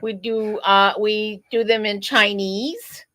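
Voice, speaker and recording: A woman's voice: medium pitch, fairly even intonation, takes it slowly, a bit bright. A woman who is a guest on a podcast, earnestly advising listeners in casual interview talk. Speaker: guest program director.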